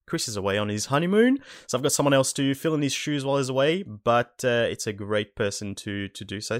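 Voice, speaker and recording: A man's voice: mid-range voice, no room sound, clean studio sound. A man hosting a podcast in a casual, matey, complimentary chat style. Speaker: podcast host.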